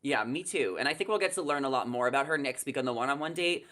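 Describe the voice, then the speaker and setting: A man's voice: mid-range voice, expressive, fast, pushed and bright. A young man co-hosting a reality TV recap, giving casual, chatty and emphatic live commentary over a video call. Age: young adult. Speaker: co-host of a reality TV recap show. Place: small indoor room, video call.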